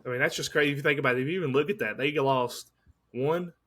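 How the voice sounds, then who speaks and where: Young guy, bright voice, chill and jokey, talking college football with his buddy. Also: mid-range voice, quick pace, slight background noise. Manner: laid-back, jokey, drawls out names. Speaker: podcast co-host. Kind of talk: casual sports chat.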